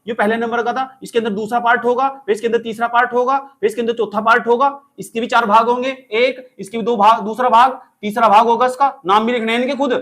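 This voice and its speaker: A man's voice: very high voice, a bit bright. A male teacher, quizzing and teasing students in a classroom lecture. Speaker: grammar teacher.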